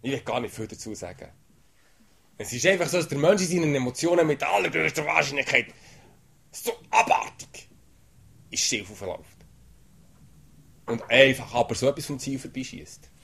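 Man, preacher, sermon, husky voice, lively swings in pitch. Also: fairly quick. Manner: animated, often asks "oder?".

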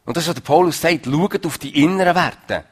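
A man preaching a sermon in a lively, emphatic way, swinging between loud and soft. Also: fairly high pitch, fairly quick, breathy edge.

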